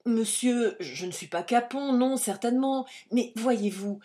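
A woman voicing a big, cowardly male informer who pleads in a loud, agitated rush in a read-aloud story. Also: fairly high pitch, unhurried, voice pushed up, close to an everyday voice. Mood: flustered, pleading. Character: cowardly burly male informer, blustering and frightened.

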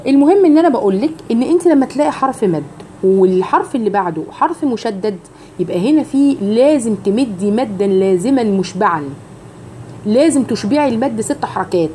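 A woman with an Egyptian accent teaching a religious lesson on Quran recitation, explaining step by step with rhetorical questions and slowly demonstrating each phrase. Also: fairly high pitch, lively intonation, warm tone, slight background noise. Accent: Egyptian Arabic.

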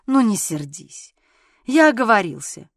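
A petulant young husband, jealous and quick to sulk, barks his grievances in a high, strained voice, as a woman reads him. The audiobook sound is dry and close, with no room around it. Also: no room sound, lightly acted. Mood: pleading. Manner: loud, sulky and exasperated. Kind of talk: audiobook character voicing.

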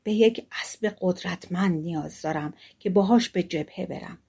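A woman's voice: fairly low pitch, mellow, breathy edge. A woman reading the lines of a brave young gardener's boy in an audiobook fairy tale, earnest and plainspoken.

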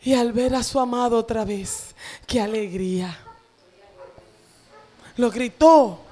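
A woman's voice: fairly high pitch, slow pace, warm tone. Fervent woman pastor preaching. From Dominican Republic. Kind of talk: sermon. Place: church.

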